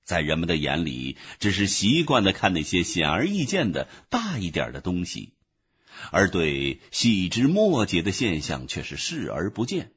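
Male storyteller with a husky voice and a very lively, sing-song delivery. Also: sits low, moderate pace. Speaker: narrator. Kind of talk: storybook narration.

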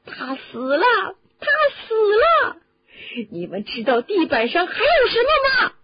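Woman putting on a panicky teen boy, yelling and half crying, way up high, dull lo-fi sound. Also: huge pitch swings, unhurried, no room sound, heavily acted. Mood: distraught shouting. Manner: shouting and wailing in high bursts. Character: panicked, distraught teenage wizard boy.

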